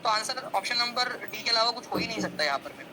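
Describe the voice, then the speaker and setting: A man's voice: very high-pitched, animated, fast talker, background noise. A male coaching teacher giving an exam-prep lecture, explaining step by step and checking in with the class again and again.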